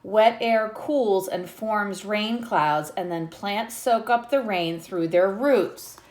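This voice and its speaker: Taking her time, a woman with a medium-pitched voice reads a children's picture book as a teacher would. She reads expressively and breaks in with brief explanations for her young audience.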